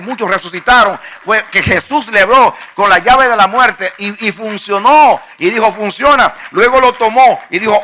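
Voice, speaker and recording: A male pastor preaching a sermon, emphatic, repeating phrases and swinging from hushed to loud. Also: sits high, slight background noise.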